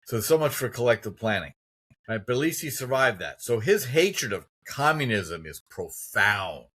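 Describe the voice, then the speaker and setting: Speaking at a normal speed with a medium pitch, this American podcast host in his fifties sounds very animated, bright, husky, and forceful. He tells emphatic, opinionated stories in a conversational interview.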